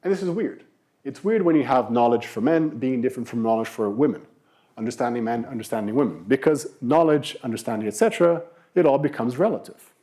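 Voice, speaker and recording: A man's voice: mid-range voice, fairly quick, dark tone. A man giving a university philosophy lecture, explaining with rhetorical questions and emphatic repetition. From Brazil.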